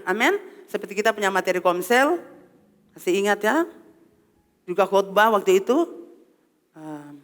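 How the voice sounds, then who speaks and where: A woman pastor with an Ambonese Malay accent preaching an animated sermon in a church, calling on the congregation for responses. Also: fairly high pitch. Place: church hall. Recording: long hall reverb.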